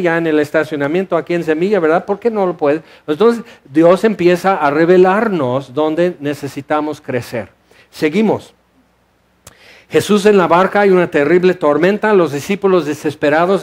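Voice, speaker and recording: Animated high-voiced male preacher. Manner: animated preaching, rhetorical questions. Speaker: pastor. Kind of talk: sermon. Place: church hall.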